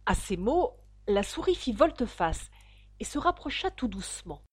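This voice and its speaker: Brief: female storybook narrator, expressive and animated, slightly high voice. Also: normal speed, husky, no echo, studio quality. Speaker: reader. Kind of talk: audiobook narration.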